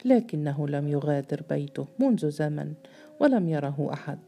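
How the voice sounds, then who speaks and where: A woman reading the part of a gentle, cautious man who questions softly and carefully. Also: deep voice, animated, moderate pace, soft background music.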